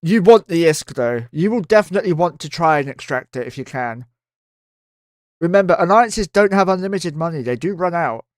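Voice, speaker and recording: A man's voice: fairly high pitch, animated, normal speed, dry recording, clean studio sound. A man giving casual live commentary on a game stream, thinking aloud and swearing freely.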